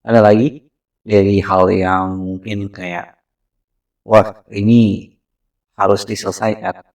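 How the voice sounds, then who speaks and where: A man's voice: lowish voice, little pitch movement, takes it slowly, darkish tone. A man interviewing a guest, putting short, prompting questions to her. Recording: voice distant from mic.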